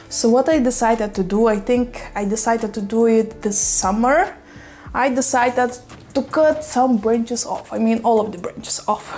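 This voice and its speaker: A woman with a strong Russian accent talking casually to the camera at home about her rescued houseplants, chatty and quick to laugh. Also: fairly high pitch, a little mellow. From Lithuania. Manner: chatty, laughs often, says "you know" a lot. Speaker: plant vlogger. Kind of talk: casual vlog chat. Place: home room with plants.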